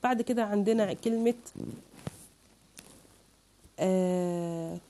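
Egyptian woman teaching a lesson slowly. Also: mid-range voice, warm tone, a little hiss or hum. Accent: Egyptian Arabic. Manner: patient, spells out syllables for pupils. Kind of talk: online lesson.

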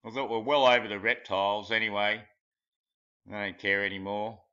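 Scornful man, bright lo-fi voice. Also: on the low side, steady tone, moderate pace, clear, resonant tone. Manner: mocking, scornful, laughs at his own jokes; crude and blunt. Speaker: conspiracy video commentator. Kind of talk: rambling commentary over pictures. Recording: dull lo-fi home recording.

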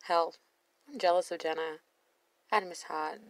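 A sassy woman hosting a reaction commentary, blunt and quick to swear. Her voice sits a little low, and the sound is close and dry with no room around it. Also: no echo, rough recording. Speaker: reaction video host. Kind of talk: voice-over commentary on a reality show.

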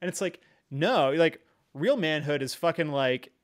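A man with a slightly high, expressive voice talks a little slowly as a podcast guest, candidly relating a personal story. His earnest, reflective chat rambles and is filled with "like" and "you know."

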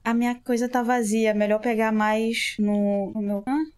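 A woman's voice: fairly high pitch, flat delivery, unhurried, a little mellow. A woman talks through a horror game as she plays it. She is jumpy, swears constantly and lets out startled yelps at every scare. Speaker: gamer streamer. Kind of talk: horror game let's play commentary.

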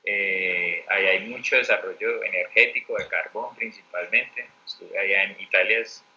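Colombian man, interview guest, chatty and rambling, sharp bright tone, low-pitched; fine for travel-story talk. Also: normal speed, rough recording. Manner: rambling, many fillers and restarts. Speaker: interview guest, mentor teacher.

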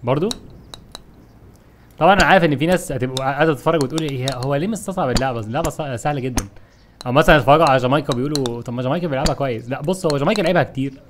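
A young Egyptian man rattles through his gameplay commentary at a quick clip, animated and easily frustrated as he talks to his viewers. His voice sits at a middling pitch, and clear clicking and clinking noises run behind him. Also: a little hiss or hum. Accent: Egyptian Arabic. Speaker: gaming YouTuber.

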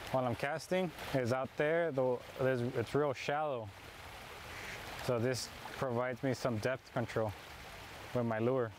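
A fishing vlogger in his thirties talks in a laid-back way while fishing at an outdoor park pond, explaining his technique as he goes. His mid-range voice is picked up by a camera mic at some distance, with a noisy background.

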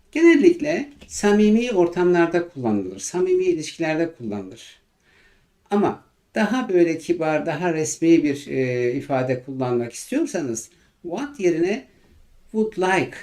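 An English teacher giving a grammar lesson, patiently repeating each example slowly, with hesitant fillers between phrases. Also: medium pitch, warm tone.

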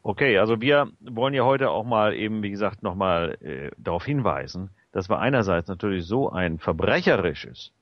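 Low-voiced man hosting talk radio, lo-fi. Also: normal speed, hardly any pauses, dry recording. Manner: hesitant, many fillers. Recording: dull lo-fi sound.

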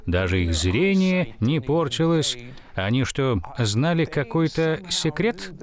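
A man dubbing an older talk show host, who asks questions and announces segments in a measured way. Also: on the high side, very animated.

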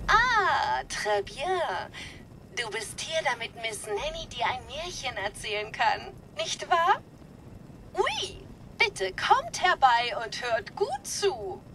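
A woman's voice: sits high, huge pitch swings, slow, pushed and bright, slight background noise, exaggerated voice. A woman voicing a prim female robot nanny with a slight robotic filter, telling a fairy tale sweetly in video game dialogue. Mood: doting storytelling. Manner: sing-song, sweetly doting storyteller.

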